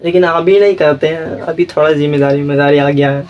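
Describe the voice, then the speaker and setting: Young guy teaching class, a bit high voice, keeps going "samjhe?", acts out the kids and parents he's talking about. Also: steady tone, fast, highs cut off. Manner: asks "samjhe?" after nearly every point. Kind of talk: classroom lecture.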